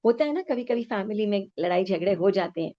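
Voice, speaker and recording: A woman's voice: medium pitch, expressive, a little fast. A woman giving a spiritual talk, telling a story to make her point, often checking in with short tag questions and slipping in English phrases. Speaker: spiritual teacher. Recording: dull lo-fi recording.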